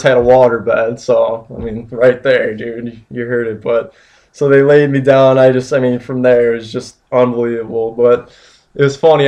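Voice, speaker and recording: A young man with a medium-pitched voice tells a story in a loose, rambling way. He fills his sentences with "you know" and "like" as he goes. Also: darkish tone, highs cut off. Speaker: vlogger. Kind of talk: casual storytelling.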